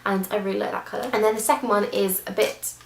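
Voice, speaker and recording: A woman's voice: mid-range voice, steady tone, fast talker, creaky, slight background noise. A young woman chatting casually through a beauty product review, gushing, with lots of fillers and restarts. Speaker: beauty vlogger. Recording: echoey room.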